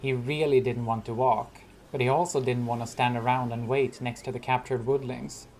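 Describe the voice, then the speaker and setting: A man reading his own fantasy story aloud in calm, even scripted narration. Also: medium pitch, moderate pace, a little hiss or hum. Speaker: author and narrator. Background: guitar music.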